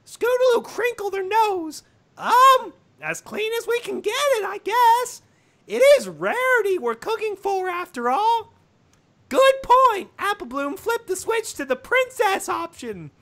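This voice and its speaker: A woman voicing a squeaky, cheerful cartoon mouse in a strained falsetto while reading a story aloud. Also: sing-song, vocal fry, a bit bright, heavily acted. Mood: squeaky, chipper. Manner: squeaky Mickey Mouse-style falsetto, slow storybook delivery. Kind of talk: comic fan fiction read-aloud.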